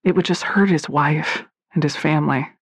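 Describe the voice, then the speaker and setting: A woman narrating a scripted story in a measured, even way. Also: low voice, husky, dry recording. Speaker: audiobook narrator.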